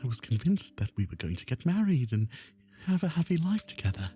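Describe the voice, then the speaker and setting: Lightly acting the part, a man voices a menacing, lovesick kidnapper obsessed with his captive in an ASMR roleplay, his mood wistful and bitter. His medium-pitched, dark-toned voice is brisk, very animated and breathy, slipping into whispers and dwelling theatrically on words over faint background music.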